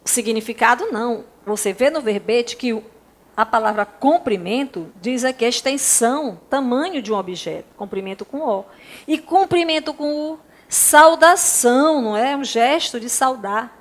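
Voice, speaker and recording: A woman from Brazil teaching young pupils in a recorded lesson. Her voice sits a little high. She is patient and fond with her class and keeps checking that they follow. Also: expressive, normal speed. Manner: patient, checks often with "tá bom?" and "né?", talks to pupils fondly. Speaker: primary school teacher.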